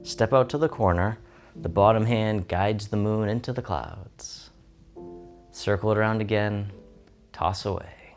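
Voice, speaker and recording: Serene low-voiced male tai chi instructor. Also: measured pace. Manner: serene, gentle, soothing cueing in short phrases. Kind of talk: guided tai chi movement cues. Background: instrumental music.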